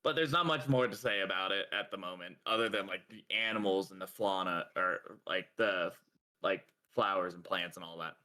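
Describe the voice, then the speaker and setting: Young podcast guy, bright voice, rambly with lots of "like"s and laughs. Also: sits low, moderate pace. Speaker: podcast co-host. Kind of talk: casual chat.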